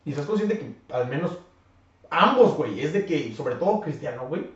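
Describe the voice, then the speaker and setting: A man's voice: a little high, very animated, moderate pace. Probing Mexican man in an echoey room. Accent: Mexican Spanish. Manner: probing, questioning. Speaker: podcast co-host. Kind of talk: casual debate. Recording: very echoey room, distant mic, dull sound.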